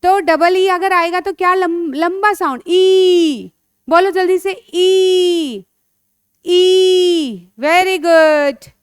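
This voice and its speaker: A woman teaching children phonics, sounding out letters slowly and coaxing the pupils along. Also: extremely high pitch, steady tone, dry recording, clean studio sound. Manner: slow, drawn-out sounding of letters; coaxing, calls pupils beta.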